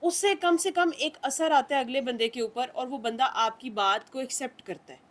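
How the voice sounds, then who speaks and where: A woman leading a spiritual group, coaching a member in an instructive way and asking "right?" after nearly every point. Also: high-pitched. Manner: instructive, checks in with "theek hai?" constantly.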